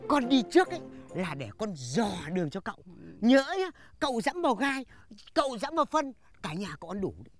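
A cheeky servant mocks her master with a lively, bouncing, fairly high voice, as a woman plays her. She teases him and breaks into laughter in this comedy film. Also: brisk, soft background music. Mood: teasing. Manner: teasing, laughing.

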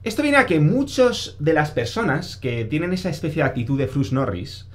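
A man's voice: fairly high pitch, sing-song, moderate pace. A man, giving a casual self-help monologue to camera, stressing points by repeating phrases and answering his own questions.

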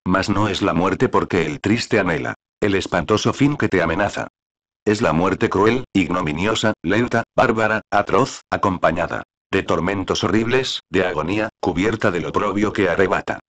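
A man reading the part of a cruel, scheming nobleman in a play, in slow, solemn verse. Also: sits low, fairly bright tone. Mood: menacing.

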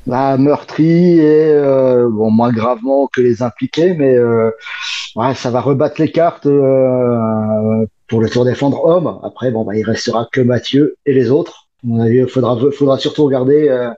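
Mellow-voiced male guest, lo-fi sound. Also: medium pitch. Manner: halting, with frequent fillers. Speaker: guest cycling journalist. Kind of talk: casual podcast chat. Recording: dull, lo-fi sound.

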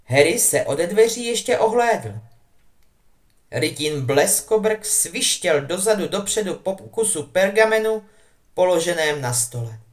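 A woman reading a novel aloud with expressive storytelling. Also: on the low side. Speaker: audiobook reader.

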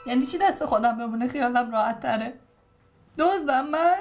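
A tearful, high-voiced young wife. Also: female voice, lively intonation, soft background music. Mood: hurt. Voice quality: tearful, defensive. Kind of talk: TV drama acting.

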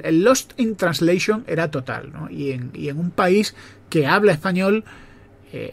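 A man with a Spain Spanish accent and a noticeably high voice for a man, hosting a podcast. He reminisces in an easygoing monologue, circling back and correcting himself mid-sentence as memories come to him. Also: vocal fry. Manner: reminiscing, conversational, with self-corrections. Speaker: podcast host. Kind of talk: personal storytelling monologue.

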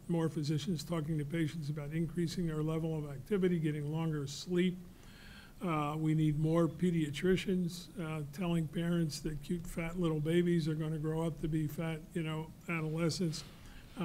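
An older man on a studio panel, explaining in a measured, halting way with many fillers. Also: fairly high pitch, a little mellow, slight background noise. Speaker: cancer researcher on a panel. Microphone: desk mic.

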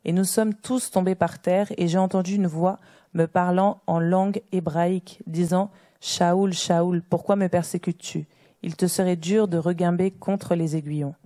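A woman reading scripture passages aloud in a steady, even manner during a sermon. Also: fairly low pitch, normal speed. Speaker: scripture reader.

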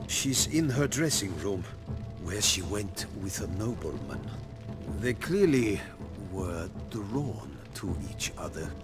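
An actor playing a loyal middle-aged former palace servant in a video game, deferential and eager to serve. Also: male voice, fairly low pitch, big pitch swings. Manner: deferential and eager, drawn-out phrasing. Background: game music.

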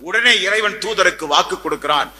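A man's voice: high voice, fairly quick, bright, forceful tone, soft background music. A man preaching an Islamic sermon, emphatic, repeating phrases and asking rhetorical questions. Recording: long hall reverb.

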